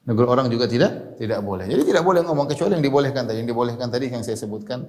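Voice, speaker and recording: A male preacher delivering a religious lecture in a steady mid-range voice. He explains step by step and circles back to restate each point, often closing phrases with a short "ya" to check in with listeners. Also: mid-range voice, racing. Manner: explanatory, repeats key points, tags phrases with "ya". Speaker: Islamic preacher.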